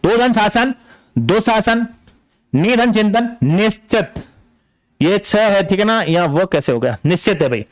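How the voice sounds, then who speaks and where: In a dry recording, a high-pitched, expressive man speaks at a measured pace during an exam-prep grammar lesson. He lays out a rule and returns to it over and over, often asking "okay?" or "ठीक है ना" to check understanding.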